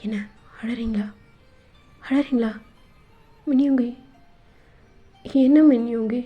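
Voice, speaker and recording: A woman voicing an anxious young wife in a fan audio drama, who keeps pleading and asking questions and climbs higher when upset. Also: fairly even intonation, slow pace, narrow, tinny audio. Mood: worried. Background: faint background music.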